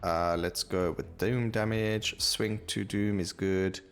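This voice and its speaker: Over video game music, a man provides casual gameplay commentary, musing aloud and telling viewers why he makes each choice. He speaks slowly and clearly in a lowish, steady, resonant voice.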